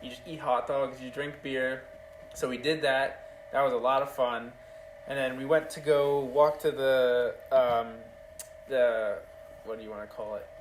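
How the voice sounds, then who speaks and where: A man's voice: mid-range voice, flat delivery, unhurried. A young man chats away on his podcast, rambling through a story with loose, swear-laced talk. The mic sits some distance away in an echoey room, with a faint hum of ambience behind him. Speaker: podcast host. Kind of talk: casual chat.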